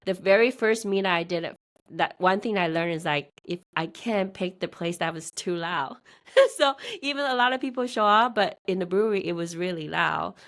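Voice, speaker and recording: A soft-voiced woman with a lowish pitch speaks haltingly, with many fillers and restarts. She's a meetup organizer appearing as a guest in a casual interview conversation.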